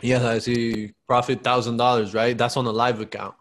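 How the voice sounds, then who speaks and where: A man's voice: medium pitch, level tone, moderate pace, a bit bright, slight background noise. Upbeat young man on a call. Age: 20s. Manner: upbeat and encouraging, heavy use of "man" and "bro". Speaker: interview host. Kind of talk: casual video call interview. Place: apartment living room indoors. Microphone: video call setup.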